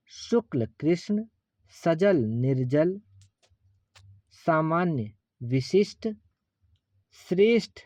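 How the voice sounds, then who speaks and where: Male exam-prep teacher, slow and deliberate, reciting word pairs in a slightly high voice; dry, muffled recording. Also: darkish tone, no room sound. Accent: Hindi. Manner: slow, deliberate drilling of word lists, addressing students as friends.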